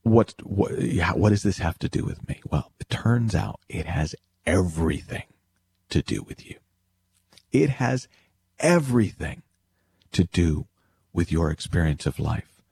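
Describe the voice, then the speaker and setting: A man's voice: low-pitched, lively intonation, a little slow, gravelly, pauses often, a little mellow, slightly rough, no room sound. A man giving an explanatory motivational talk, speaking to the listener directly with emphatic phrasing and rhetorical questions. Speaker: speaker teaching spiritual principles.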